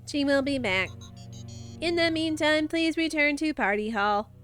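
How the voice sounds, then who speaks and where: A woman's voice: sits high, expressive, a little slow, a bit bright, faint music behind. A woman voicing a clipped, emotionless female robot computer in a robot voice, reading game dialogue. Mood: flat. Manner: robot voice, terse machine-like statements.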